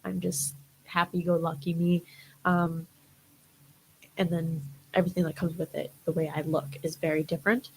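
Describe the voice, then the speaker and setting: A woman's voice: on the low side, flat delivery, moderate pace, vocal fry, darkish tone, a little hiss or hum, rough recording. A young woman, a model, chatting casually as an interview guest, rambling with many fillers.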